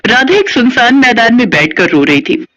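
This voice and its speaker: A woman reads a scripted children's story in a steady storytelling way. Her voice sits on the high side. The sound is dull and lo-fi. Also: normal speed. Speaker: narrator. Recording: dull lo-fi audio.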